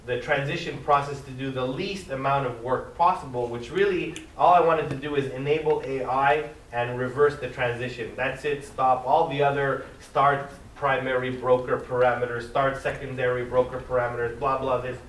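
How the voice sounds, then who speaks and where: A male conference presenter delivers a technical talk, advocating strongly in an emphatic, insistent way. His mid-range voice is steady, fairly bright, and moderately paced. The mic sits at a distance in an echoey hall, with slight background noise.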